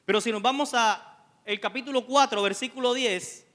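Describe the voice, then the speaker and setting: High, bright-voiced pastor preaching. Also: male voice, moderate pace. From Colombia. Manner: animated preaching that acts out scripture dialogue. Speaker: associate pastor. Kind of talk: sermon.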